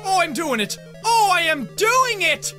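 A man blows up at a video game in frantic, profane yelling. His voice is very high and sharp, jumping wildly between pitches. Game music plays underneath. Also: big pitch swings, a little slow. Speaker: gaming video creator. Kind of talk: raging let's-play commentary.

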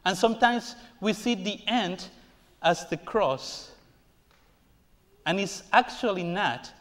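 A male priest with a high, somewhat bright voice preaches a slow homily in front of the altar in a large sanctuary. Earnest yet playfully self-mocking, he is recorded from far away by a camera at the back of the church.

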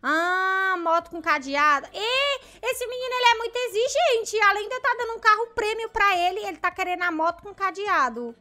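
A very high-pitched woman with a Brazilian Portuguese accent talks through her Roblox game at a moderate pace, barely pausing. Her commentary is excited and casual, full of gasps, and she reads other players' chat aloud.

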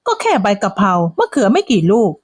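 A woman voicing a bossy, teasing elderly village woman who talks in a shrill, dismissive way. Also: big pitch swings, fairly quick, slightly rough, dry recording, studio quality. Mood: mocking.

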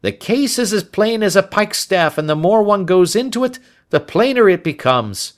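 Man playing a sly, high-pitched, cocksure police inspector. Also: animated, normal speed. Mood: smug, indulgent. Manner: cocksure, indulgent. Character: lean, sly, self-satisfied male Scotland Yard inspector.

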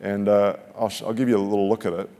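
Speaking fast with a lowish, mellow voice and flat delivery, a man in his forties runs a joking, casual product demo live onstage at a conference. He often breaks off and restarts sentences, picked up by a headset mic amid the long reverb of a large hall.

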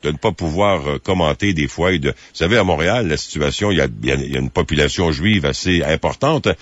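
A man hosting a late-night phone-in radio show, speaking in a measured, hesitant way with many fillers. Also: rumbling low, dry recording. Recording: muffled broadcast audio.

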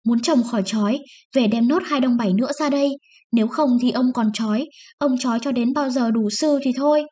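A woman voicing a harsh, bullying male village chief who snaps and shouts at the villagers. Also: fairly high pitch, fairly quick, lightly acted. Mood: angry. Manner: snapping, shouting.

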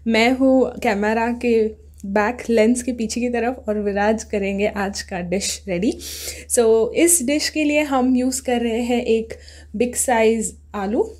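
In a home kitchen, a woman in her thirties hosts a cooking show, chatting casually and encouraging viewers with guiding questions. Her voice sits on the high side with a darkish tone, and she takes things slowly.

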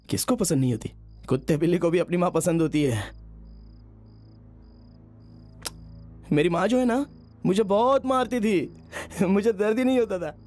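Young male beggar, drunk and grieving, rambling and tearful, very high pitch, faint music under him. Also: a little fast, darkish tone. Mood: wistful. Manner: pleading, then tearful and rambling when drunk. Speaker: dubbing actor voicing a young man. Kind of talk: Hindi film dub.

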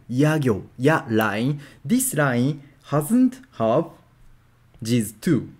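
A man with a Japanese accent teaching a casual language lesson, repeating syllables slowly for drills and saying "okay" often. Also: mid-range voice, a little mellow.

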